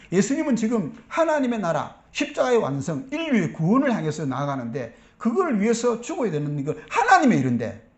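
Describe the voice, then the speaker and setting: A man's voice: high-pitched, darkish tone, roomy sound. A middle-aged man, a pastor preaching a sermon who acts out quoted church members.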